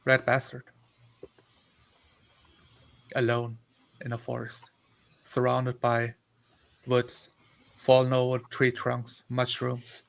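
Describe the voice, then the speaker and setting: A man's voice: mid-range voice, monotone, takes it slowly, creaky, fairly bright tone. A man running a tabletop role-playing game, narrating scenes and calling results as game master.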